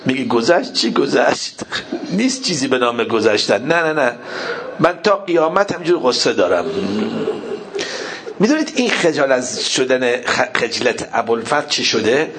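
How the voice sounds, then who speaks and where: A man's voice: medium pitch, lively intonation, fairly bright tone. Impassioned man preaching a mourning sermon. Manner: impassioned, voice climbing into wailing peaks; addresses listeners directly.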